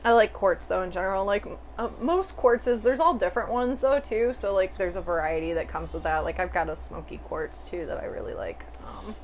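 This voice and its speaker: A woman's voice: medium pitch, a little hiss or hum. A young woman co-hosting a podcast in casual chat, giggling and rambling with fillers. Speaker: podcast co-host.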